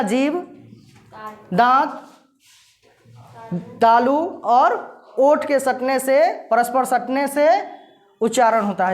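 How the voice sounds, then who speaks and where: Slow, repetitive woman teacher. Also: sits high. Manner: slow, repeats questions and answers them herself. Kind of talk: classroom grammar lesson.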